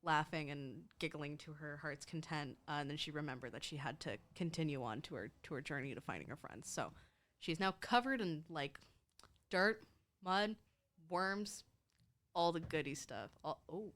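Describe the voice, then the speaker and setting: A woman's voice: low voice, moderate pace, fairly bright tone. A young woman playing a tabletop game, chatting casually and describing her character's actions. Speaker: player.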